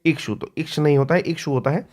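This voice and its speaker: A male teacher giving an exam-prep lecture. He explains patiently, repeats key words slowly and often clears his throat. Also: fairly high pitch, steady tone, darkish tone.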